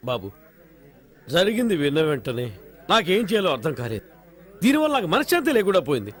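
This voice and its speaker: A shrill, fretful old father. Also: fast, exaggerated voice. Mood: pleading. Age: older. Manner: excitable, shrill scolding, repeated pleas. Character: fretful older father, scolding and pleading. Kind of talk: dubbed film acting.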